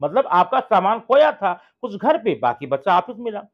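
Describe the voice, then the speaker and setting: An English grammar teacher, giving a video lesson who repeats examples slowly and asks and answers their own questions. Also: mid-range voice, big pitch swings. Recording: dull lo-fi recording.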